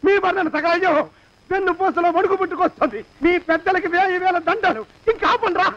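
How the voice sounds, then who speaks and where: A man delivering film comedy dialogue in an exaggerated, quick back-and-forth manner. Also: extremely high pitch. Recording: dull film soundtrack with faint noise.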